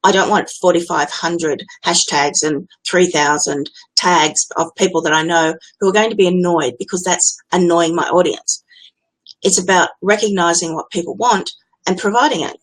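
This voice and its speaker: A woman's voice: on the low side, normal speed, low-quality recording. A woman with an Australian accent, hosting a live stream as a business coach and talking in a candid, chatty, blunt way. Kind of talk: unscripted live-stream talk.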